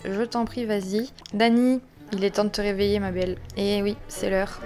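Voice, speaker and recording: A woman's voice: on the high side, a little mellow. A woman hosting a let's play, chatting away and talking fondly to the characters in her game. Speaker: gaming channel host.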